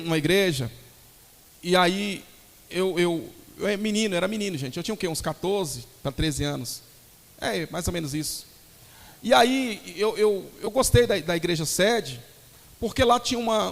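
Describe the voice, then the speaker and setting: A young Brazilian man preaching a sermon to his congregation, telling lively stories and calling them brothers. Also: high-pitched, vocal fry, long reverb tail. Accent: Brazilian Portuguese. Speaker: pastor.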